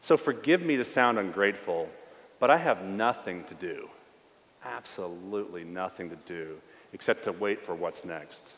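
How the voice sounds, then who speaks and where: A man's voice: low-pitched, animated, normal speed, a bit bright. A man preaching in character as a young Syrian priest stranded as a refugee, speaking in a wistful, weary first-person voice. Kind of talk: sermon monologue in character. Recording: long church reverb.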